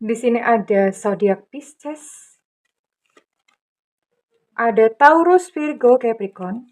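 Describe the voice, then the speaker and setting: Over loud electronic music, a middle-aged tarot reader speaks slowly and animatedly in a rather high voice to her viewers. Warm and affectionate, she calls her listener darling and names herself Bunda.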